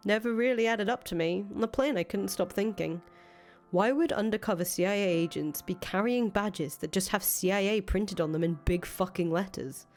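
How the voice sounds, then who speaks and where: With music under her voice, a woman gives a lightly acted reading as a cynical, foul-mouthed ousted rebel leader from a visual novel. She thinks aloud in casual, profane speech, sounding suspicious and agitated. Her voice is medium-pitched and a little mellow at normal speed.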